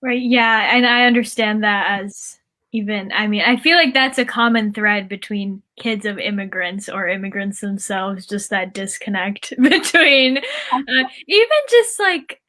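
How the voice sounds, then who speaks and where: Bright-voiced young woman hosting an interview. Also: medium pitch, lively intonation, a little slow. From United States. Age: young adult. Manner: chatty, upbeat, with frequent fillers and laughs. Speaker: interview host. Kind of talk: casual interview.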